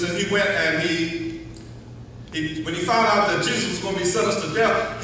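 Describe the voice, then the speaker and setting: A middle-aged man preaches from the pulpit, teaching steadily and slowing down on key words. His voice is bright and a little high for a man, with plenty of ring. He is picked up from the back of a large sanctuary, so long reverb and a faint room hush surround every word. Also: slight background noise. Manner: measured teaching delivery, slows for emphasis, occasional restarts. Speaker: pastor. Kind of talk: sermon. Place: large church sanctuary, indoors. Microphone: far camera at back of church. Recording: echoey church hall from far off.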